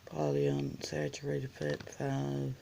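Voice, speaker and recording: A person giving a casual, halting product review, reading out details item by item with pauses. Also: medium pitch, monotone, gravelly, dark tone. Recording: noisy room, crinkling bag and clicks.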